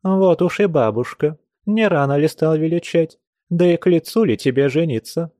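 A man's voice: moderate pace, mellow, no echo, clean studio sound, natural voice. A man reading an audiobook, voicing a stern, fussing old grandmother who scolds. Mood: scolding. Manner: scolding, raised higher voice.

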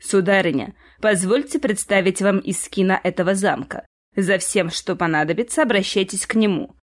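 A woman's voice: medium pitch, normal speed, lightly acted. A woman reading an audiobook, voicing an awkward, gloomy young prince who apologizes and explains. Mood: explaining. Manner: embarrassed, apologetic, easily angered.

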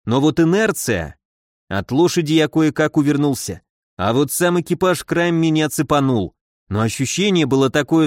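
A man reading a first-person story aloud as an audiobook narrator, with a wry, brisk manner. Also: on the high side, a little mellow, no echo, clean studio sound.

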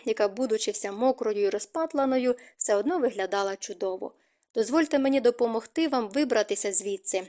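A woman narrating an audiobook as scripted narration, in an expressive reading. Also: on the high side.

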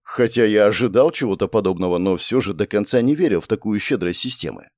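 Male audiobook narrator, expressive, animated delivery, dead dry studio sound. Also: lowish voice, quick pace, no room sound. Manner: expressive storytelling. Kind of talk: first-person scripted narration.

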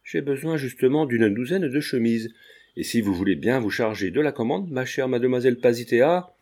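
A man's voice: mid-range voice, animated, a little fast, a little mellow. A man reading an audiobook voices a witty young man with a teasing, grandiloquent manner.

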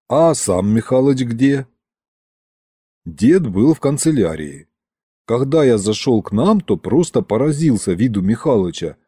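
A man narrates an audiobook in an expressive, animated way. His voice is mellow and warm in tone. The recording is dry and close. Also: mid-range voice, husky, no echo. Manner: lively, expressive reading.

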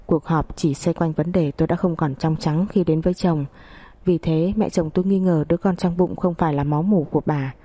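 A woman narrating a first-person family story in a steady, melancholy reading voice. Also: deep voice, a little fast.

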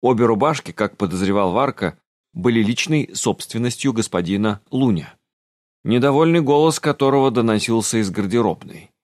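A man reading a fantasy audiobook in a calm, measured narration. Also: medium pitch, no echo, clean studio sound. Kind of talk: scripted narration.

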